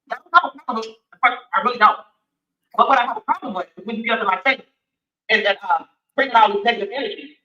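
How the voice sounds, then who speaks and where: A woman's voice: fairly high pitch, fairly bright tone, roomy sound, highs cut off. A woman in her sixties, a candidate answering interview questions in an emphatic, repetitive, defensive way. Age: 60s. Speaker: city council candidate.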